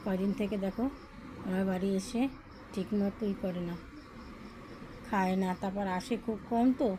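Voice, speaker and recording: A woman's voice: mid-range voice, steady tone, moderate pace, background noise. A woman vlogger coaxing a pet to eat in cooing, singsong baby talk, with lots of endearing repetition.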